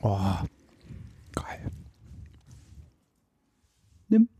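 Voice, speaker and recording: A man's voice: drawn-out words, warm tone, in a whisper. A man co-hosting a casual podcast, joking around and teasing in a playful way. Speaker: podcast co-host. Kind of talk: casual chat.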